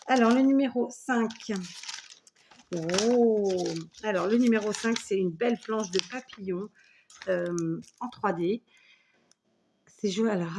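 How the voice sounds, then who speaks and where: A woman's voice: medium pitch, a little mellow, a little hiss or hum. A woman in her forties hosting a scrapbooking video at home, chatting enthusiastically as she opens gifts and thanks the sender. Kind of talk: casual unboxing chat.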